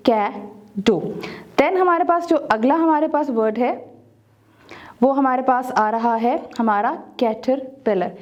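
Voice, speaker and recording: A woman narrating a video lesson, teaching slowly and sounding out words syllable by syllable. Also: high voice, lo-fi sound. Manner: slow, deliberate, sounds out syllables one by one.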